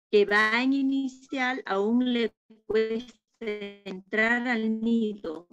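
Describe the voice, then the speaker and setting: A woman's voice: a little high, no room sound. A young woman, a teacher-training student narrating a class role-play over a video call. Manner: simple storytelling. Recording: dull lo-fi video call audio.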